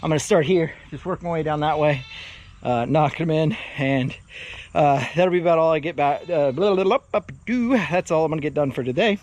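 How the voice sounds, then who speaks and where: A man's voice: a little high, brisk, a little mellow. A man talking casually outdoors on his farm, hot and out of breath, rambling with lots of filler sounds. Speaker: farm vlogger. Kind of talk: casual outdoor vlog narration.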